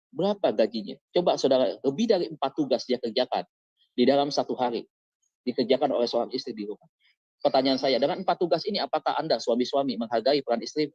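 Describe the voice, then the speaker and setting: Exhorting pastor, lo-fi online sermon. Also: male voice, mid-range voice, a little mellow, no echo. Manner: exhorting, asks the listeners many questions. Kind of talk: sermon over an online service. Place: online service on a video call.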